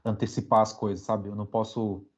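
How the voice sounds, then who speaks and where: A man's voice: fairly low pitch, brisk, slightly rough, lo-fi sound. Slangy Brazilian man telling a story. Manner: relaxed slangy storytelling with many fillers. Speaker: podcast guest. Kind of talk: casual storytelling interview.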